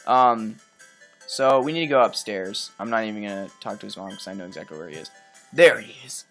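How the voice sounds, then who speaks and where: A man's voice: lowish voice, brisk, a bit bright. A man hosting a video game let's play, talking casually and rambling through his explanations with lots of fillers. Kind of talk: game commentary. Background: faint game music.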